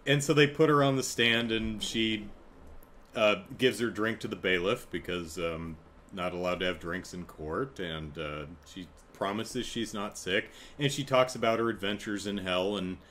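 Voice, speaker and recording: A man with a fairly low voice talks through an episode recap in a loose, casual way. He rambles, fills gaps with ums and uhs, and chuckles at his own asides. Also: moderate pace, fairly bright tone, slight background noise. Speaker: TV episode reviewer.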